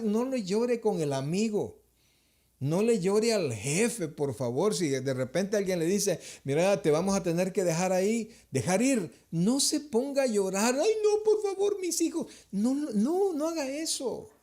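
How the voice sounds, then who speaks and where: A man's voice: high-pitched, warm tone. A male pastor preaching a sermon in a church, urging his listeners directly.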